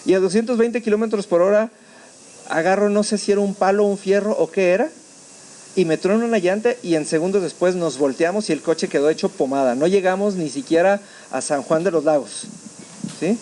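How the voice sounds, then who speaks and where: Male Mexican pastor, high register, animated storyteller who acts out his own shouts. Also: a little fast. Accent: Mexican Spanish. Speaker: preacher. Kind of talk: sermon testimony. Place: church.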